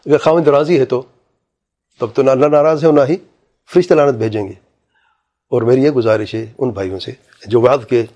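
Male cleric, husky dark voice, emphatic lecture with recited verses. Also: mid-range voice. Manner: emphatic, quotes Quranic Arabic, rhetorical questions. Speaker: Islamic scholar answering a question. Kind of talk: religious lecture.

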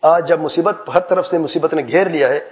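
A middle-aged man preaching a sermon, giving earnest advice with rhetorical questions and repeated lists. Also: a little high. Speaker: Islamic preacher.

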